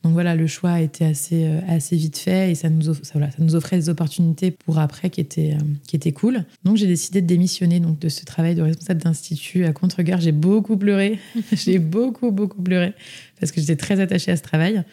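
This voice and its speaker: On a casual podcast, a young adult woman shares her story as the interview guest, talking chattily and often restarting or filling pauses. She speaks fairly quickly in a warm, steady voice on the low side.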